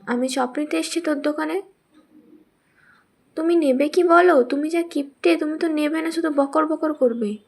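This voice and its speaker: A woman's voice: high voice, moderate pace, lightly acted. A woman voicing a stingy, quarrelsome old grandmother who snaps and scolds at everyone in a cartoon story. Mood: scolding. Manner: scolding, snappish.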